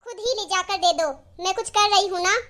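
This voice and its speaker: A woman's voice: very high voice, normal speed, heavy background noise. A woman playing a snappy, taunting sister-in-law. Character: sharp-tongued young sister-in-law, rude and lazy.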